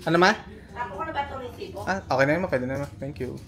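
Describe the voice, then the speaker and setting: A man's voice: fairly high pitch, brisk, a bit bright. A man with a Filipino accent chatting casually as a vlogger. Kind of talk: casual vlog chat.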